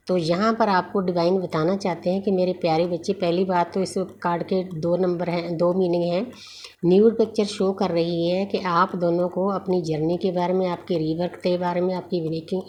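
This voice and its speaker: A woman with a fairly low voice gives a spiritual tarot reading in a gentle, unhurried way. She sounds reassuring as she guides the listener. A faint background hum sits behind her. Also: steady tone. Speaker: tarot reader.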